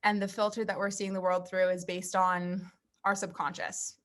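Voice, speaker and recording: A woman podcast guest giving a reflective, conversational answer in a thoughtful, deliberate, explanatory way. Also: on the low side, little pitch movement, fairly bright tone.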